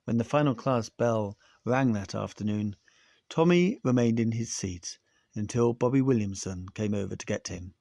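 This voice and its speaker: A male podcast host reading a science fiction story aloud in a steady, even manner. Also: on the low side, normal speed, gravelly, no echo, clean studio sound.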